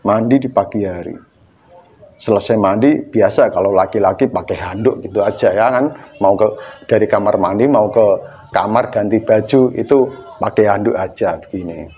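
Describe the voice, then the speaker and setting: A man's voice: fairly low pitch, moderate pace, warm tone, a little hiss or hum. Joking man telling a story. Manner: joking, chatty storyteller with frequent laughs. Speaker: vlogger sharing personal recovery story. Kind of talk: casual monologue.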